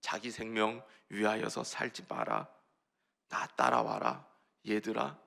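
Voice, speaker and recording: A male pastor voicing a gentle teacher speaking intimately to his followers, in a gravelly voice. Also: lowish voice, very animated, slow pace, pitched below the performer's own voice, full character voice. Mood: earnest.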